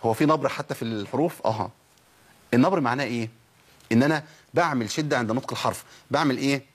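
Fast, husky Egyptian man teaching. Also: mid-range voice. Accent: Egyptian Arabic. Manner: explains with quick questions and answers, repeats sounds to demonstrate. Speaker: Quran recitation teacher. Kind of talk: tajweed lesson with spoken demonstrations.

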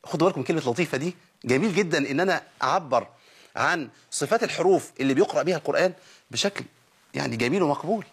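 Fast husky Egyptian recitation teacher. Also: male voice, on the high side, lively intonation. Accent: Egyptian Arabic. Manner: poses questions and answers them himself, models sounds for repeating. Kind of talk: recorded tajweed lesson.

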